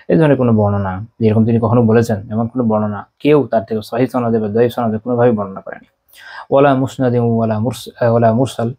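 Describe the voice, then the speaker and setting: A man giving an Islamic lesson at a brisk clip, his voice sitting in a middle register. He explains texts as he goes and often asks a question and answers it himself. His speech is sprinkled with "ah" fillers. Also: mid-range voice, warm tone. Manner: frequent "ah" fillers; recites Arabic passages slowly, then explains them. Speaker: Islamic teacher. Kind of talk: religious lecture explaining texts.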